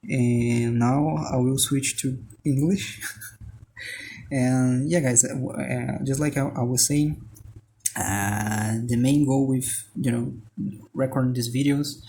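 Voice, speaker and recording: A Brazilian man, a native Portuguese speaker with a Brazilian accent, hosts a channel and narrates a casual voice-over while he sketches. His mid-range, warm voice is slow and fairly even, full of restarts and fillers, with occasional self-deprecating jokes. A little hiss or hum is audible.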